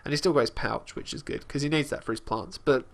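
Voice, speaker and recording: A man casually commenting on his gameplay as host, talking about his character in third person with halting restarts and fillers. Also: medium pitch, gravelly. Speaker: let's play host.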